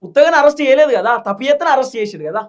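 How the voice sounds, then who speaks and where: A man with a Telangana Telugu accent hosts a political commentary monologue. His voice sits very high and he talks at a breakneck pace. He is combative throughout and keeps hammering his points with rhetorical questions. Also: expressive, rapid-fire, muffled recording. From Telangana, India. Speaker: political commentator, channel host.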